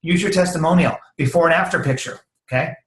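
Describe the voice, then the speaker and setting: A man giving a casual, energetic sales training talk, slangy and quick to act out sample conversations. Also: on the high side. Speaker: network marketing trainer. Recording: roomy echo.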